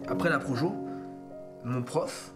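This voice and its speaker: A man in his thirties telling a personal story to camera in a casual, animated way, acting out bits of dialogue and poking fun at himself. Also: mid-range voice, takes it slowly. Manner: animated, acts out dialogue, self-mocking. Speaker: YouTuber. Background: loud background music.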